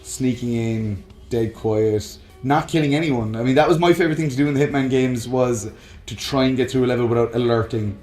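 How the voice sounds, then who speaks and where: On a laid-back podcast, this male co-host shares opinionated takes on games and movies. He speaks fairly quickly at a medium pitch, with a darkish tone. There's music beneath him and a roomy echo in the recording.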